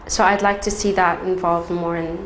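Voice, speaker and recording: A young woman in her twenties from Saudi Arabia speaks earnestly and directly as a youth delegate. Her voice sits in a middle pitch range and echoes around the room, over faint ambient noise. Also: little pitch movement, moderate pace. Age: 20s. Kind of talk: interview answers.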